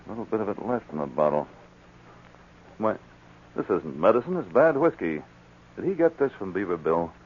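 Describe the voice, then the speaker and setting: Firm fair-minded mountie type sergeant guy, deep raspy voice, very lively pitch, muffled old radio serial. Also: normal speed, long pauses, a little hiss or hum. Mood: investigative, resolute. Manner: authoritative, questioning, emphatic. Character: firm, probing, fair-minded police sergeant of the northern wilderness. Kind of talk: 1940s radio acting. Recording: muffled, worn 1940s radio recording.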